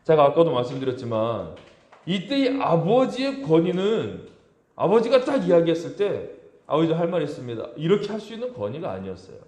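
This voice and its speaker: Pastor guy preaching, acts out the quotes, really animated, roomy echo. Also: brisk. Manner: acts out quoted voices with big pitch swings. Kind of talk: sermon. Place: church sanctuary.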